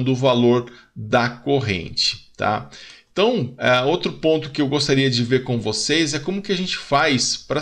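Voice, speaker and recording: A man's voice: mid-range voice, fairly bright tone. A Brazilian man teaching an electronics video lesson, speaking hesitantly with many fillers and restarts, often checking in with the class. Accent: Brazilian Portuguese.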